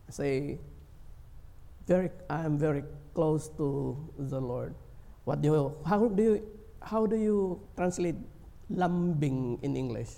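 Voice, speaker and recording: A man from the Philippines preaching a sermon as a pastor, earnest and slow, sometimes acting out pleading prayers. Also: fairly high pitch, gravelly, warm tone. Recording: long hall reverb.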